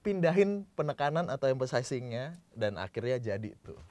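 A man hosting a casual chat, talking in loose slang with a pitch that leaps and dips all over the place. His voice sits close and dry on the mic, with no room sound around it. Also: brisk, no room sound. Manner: lively, swings pitch up and down to demonstrate. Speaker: podcast host. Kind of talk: casual chat about voice technique.

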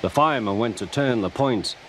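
A man's voice: mid-range voice, a little fast, heavy background noise. A man narrating a children's railway story in a storybook style.

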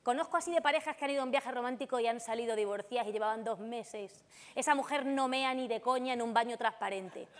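A woman from doing a lively stand-up comedy monologue on a theater stage, acting out the people in her stories. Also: on the high side, fast talker. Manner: lively storytelling, acting out quoted voices. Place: theater stage with live audience.

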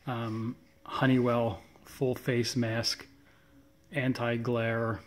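Man with a flat voice touring his garage workshop. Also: mid-range voice, drawn-out words. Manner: relaxed, chatty, lists tools with fillers. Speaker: knife maker giving a shop tour. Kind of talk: casual shop tour walkthrough. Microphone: handheld phone camera.

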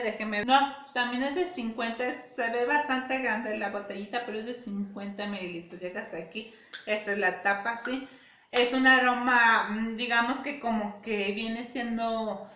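A woman's voice: fairly high pitch, sharp tone, roomy sound, a little hiss or hum. A woman reviewing perfumes in a casual, chatty way, often repeating herself and asking "¿sí?". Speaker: beauty vlogger.

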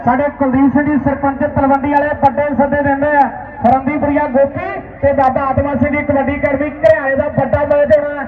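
A man commentates on village kabaddi with a Punjabi accent, chanting and repeating his calls in verse. The pitch is very high and stays on one level, over a tinny, echoing sound heard from afar. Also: flat delivery, fairly quick. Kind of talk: rural live sports commentary with chanted verse. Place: outdoor village sports ground. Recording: echoey, distant, tinny loudspeaker sound.

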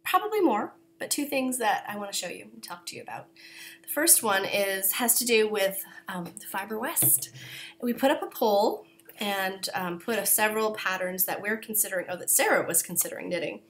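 A woman hosts a knitting podcast, talking casually to the camera with plenty of fillers. She coughs and clears her throat often, apologizing and poking fun at herself as she goes. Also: medium pitch, expressive, normal speed, fairly bright tone, slight background noise. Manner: chatty, self-deprecating, apologetic, with many fillers. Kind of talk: casual chat.

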